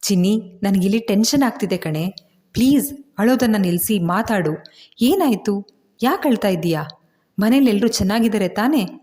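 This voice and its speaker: A worried young husband, urgent at first and then steadying , as a woman narrator acts him out. The voice stays warm and fairly low. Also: normal speed, close to an everyday voice. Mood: concerned.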